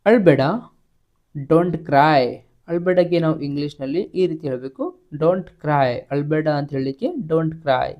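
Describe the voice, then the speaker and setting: A man teaching spoken English, saying each phrase twice, slowly and clearly. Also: fairly high pitch, a little mellow. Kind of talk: slow, drilled spoken-English lesson.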